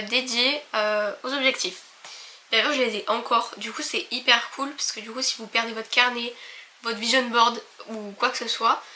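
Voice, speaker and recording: Young woman vlogger, casual and rambling, clear forceful tone, recorded at home. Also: on the high side, a little hiss or hum. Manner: chatty, many fillers and restarts. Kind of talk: casual vlog chat. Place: her own apartment bedroom.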